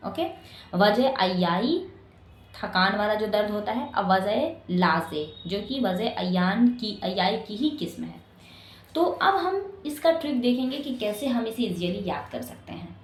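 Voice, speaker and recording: A woman's voice: a little high, darkish tone, reverberant. A woman giving an exam-prep lecture, explaining patiently and often checking that her students follow. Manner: explains patiently, checks understanding with "ठीक है" and "clear". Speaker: teacher.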